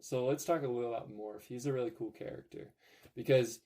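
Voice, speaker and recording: Young man, mellow podcast host. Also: medium pitch, fairly quick. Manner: rambling, upbeat, lots of fillers. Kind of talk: casual podcast chat.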